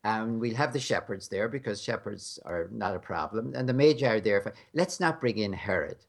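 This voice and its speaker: Fairly low, creaky and expressive, this American man's voice moves fairly quickly as he speaks as a guest scholar in a conversational interview. He's blunt, emphatic and a little wry.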